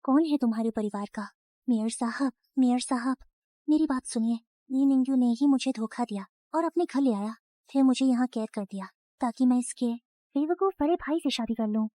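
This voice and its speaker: A woman doing a kidnapped young woman, high mellow voice, urgent pleading, dry studio sound. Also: moderate pace, no room sound, close to an everyday voice. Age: young adult. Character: kidnapped young college woman, desperate and defiant. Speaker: dubbing actor. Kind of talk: Hindi drama dub.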